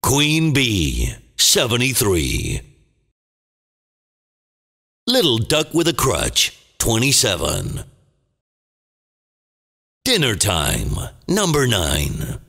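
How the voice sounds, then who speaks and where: A man playing a booming, dramatic movie trailer announcer, calling bingo in short theatrical phrases with a gravelly voice. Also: huge pitch swings, pushed and bright, exaggerated voice. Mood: dramatic, portentous. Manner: theatrical, deliberate, clipped phrases. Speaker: bingo caller. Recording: long booming reverb.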